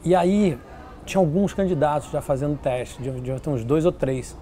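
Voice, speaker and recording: A man telling stories in an interview, lively and acting out what others said. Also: fairly high pitch, normal speed, slight background noise. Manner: animated, acts out quoted voices. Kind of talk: casual storytelling interview.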